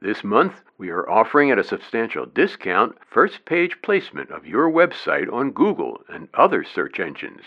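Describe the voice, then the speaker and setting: A man's voice: on the low side, wildly swooping pitch, normal speed, few pauses. Lo-fi male phone-prompt announcer. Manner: polished, courteous phone-prompt delivery. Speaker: voice-over announcer. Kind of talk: scripted phone-system messages.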